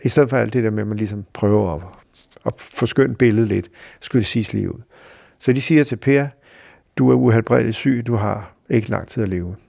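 Gravelly, husky man telling a story. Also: on the low side, dark tone, no echo, studio quality. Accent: Danish. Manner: halting, reflective, many fillers. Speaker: interviewee recalling a friend. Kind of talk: personal storytelling.

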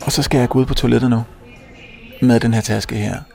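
A young man from Denmark telling a comic story on stage, animated and self-mocking, often stammering and restarting. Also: mid-range voice, gravelly, faint music behind. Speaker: stand-up comedian. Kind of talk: stand-up storytelling.

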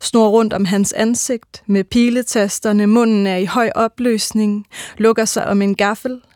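A woman giving a measured, rhythmic reading of her own first-person literary prose. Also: mid-range voice, fairly even intonation, darkish tone, dry recording, studio quality.

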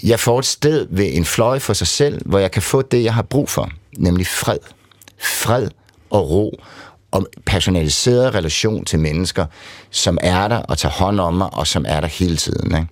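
A man's voice: deep voice, no echo. A middle-aged man, telling his story candidly and rambling as an interview guest, often tagging on "ikke?". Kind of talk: conversational storytelling.

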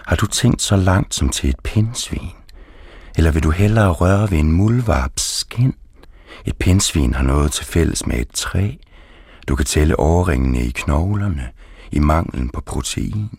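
A man reading his poetry aloud, slow and deliberate. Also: rumbling low, creaky, darkish tone, breathy edge, no room sound, clean studio sound.

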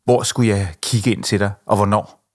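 Man voicing a spiteful young boy, taunting, shouting, deep voice. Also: steady tone, close to an everyday voice. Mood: angry.

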